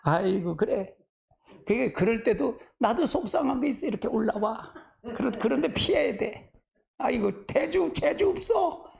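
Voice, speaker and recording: A male pastor gives a homespun, conversational sermon with a gravelly edge to his voice. His pitch swings widely as he sighs, chuckles and asks the congregation to answer him. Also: lively intonation, moderate pace, a little mellow. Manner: folksy and chatty, sighing and laughing often.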